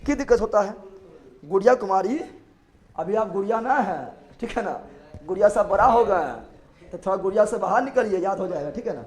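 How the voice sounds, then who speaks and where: A man's voice: high-pitched, lively intonation, reverberant. A male teacher, leading a classroom lecture with call-and-response drills and teasing his students. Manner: repeats questions rapidly, teasing and joking with students. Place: classroom with students, streamed live online.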